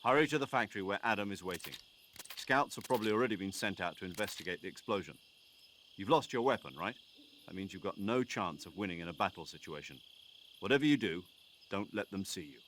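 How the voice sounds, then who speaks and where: An actor playing a stern, earnest military commander in a video game, speaking firmly and with authority. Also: male voice, low-pitched, expressive, fast, a bit bright, a little hiss or hum. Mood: firm, urging. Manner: firm, urgent, authoritative.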